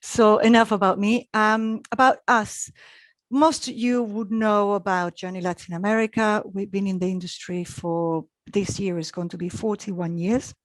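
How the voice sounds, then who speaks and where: A middle-aged Chilean woman, a travel expert, presents a live online travel webinar in a chatty way with frequent ums and restarts. Her medium-pitched voice stays steady at a moderate pace, with no room sound.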